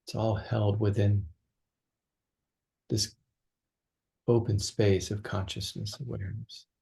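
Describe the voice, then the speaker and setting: A meditation teacher guides a session gently and slowly, leaving long pauses between phrases. His voice is on the low side, creaky and level in tone.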